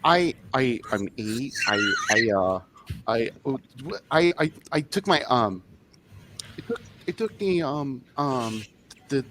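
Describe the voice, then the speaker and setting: A man's voice: mid-range voice, noisy background. A man voicing a childlike male ogre who stammers and halts. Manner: stammering, halting.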